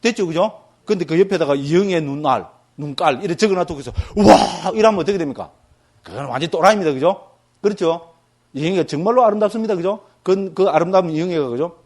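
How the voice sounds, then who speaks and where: Lively monk lecturing, higher-pitched man. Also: quick pace. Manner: lively, tags nearly every phrase with a check-in question to the listeners; vivid, graphic examples told with sound words. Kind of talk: Buddhist doctrine lecture.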